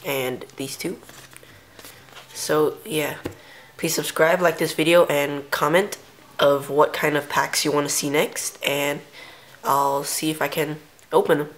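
Low-voiced young woman, slow and casual. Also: fairly even intonation. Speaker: trading card video host. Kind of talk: casual unboxing commentary. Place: room at home. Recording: faint background noise.

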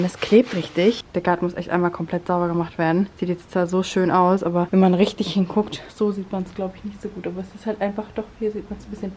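A woman's voice: fairly low pitch, darkish tone, slight background noise. Chatty woman telling stories in her vlog. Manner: chatty storytelling, acting out dialogue with "ich so, sie so". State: exhausted from cleaning in the heat. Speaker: vlogger. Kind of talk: casual vlog chat. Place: home, then garden outdoors.

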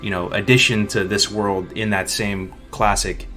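A low-voiced man hosts the chat and asks long, winding questions, repeating himself and leaning on "you know". Soft music plays faintly behind him. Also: fairly even intonation, normal speed. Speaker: co-host. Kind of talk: casual interview conversation.

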